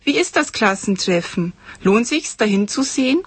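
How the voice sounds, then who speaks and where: A woman's voice: mid-range voice, lively intonation, normal speed, slightly rough, dry recording. A woman reading aloud from her novel, voicing a cheerful, hearty woman in her thirties who talks eagerly. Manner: bubbly, eager, exclaiming.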